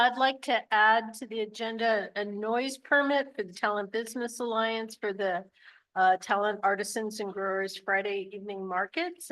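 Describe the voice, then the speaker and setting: A woman's voice: medium pitch, fairly bright tone, rough recording. A woman speaking as a city councilor, making procedural requests in a businesslike way. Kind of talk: formal meeting remarks.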